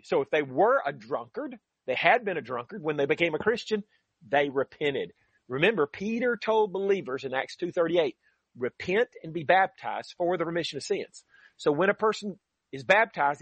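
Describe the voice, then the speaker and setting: Husky male radio Bible teacher, earnest and emphatic, lively rising pitch, dry close mic. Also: dry recording. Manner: earnest, emphatic preaching with scripture readings.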